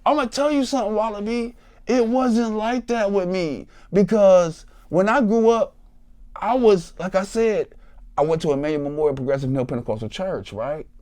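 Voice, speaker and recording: A man's voice: sits high, moderate pace, mellow. A man from Columbus, Ohio, with an Ohio accent, telling his life story as a podcast guest in an emphatic, profane, preachy way. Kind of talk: emotional storytelling.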